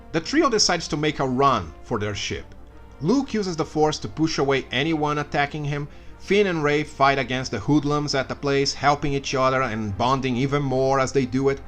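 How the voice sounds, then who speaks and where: A man's voice: mid-range voice, normal speed, faint music behind. A man narrating a comedic retelling of a story with sarcastic asides and mock outbursts.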